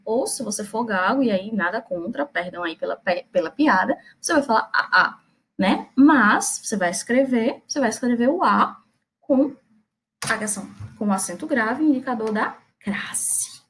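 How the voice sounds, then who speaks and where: A woman's voice: fairly high pitch, lively intonation, moderate pace, slight background noise. A Brazilian woman teaching Portuguese grammar in a recorded lesson, explaining step by step, checking in with her students and making small playful jokes. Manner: chatty and playful, makes small jokes and slips.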